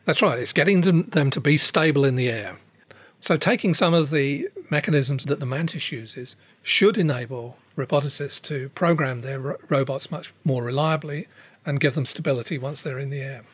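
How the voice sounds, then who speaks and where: Husky male scientist explaining research. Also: mid-range voice, normal speed, fairly bright tone, dry recording. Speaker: scientist being interviewed. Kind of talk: measured expert explanation.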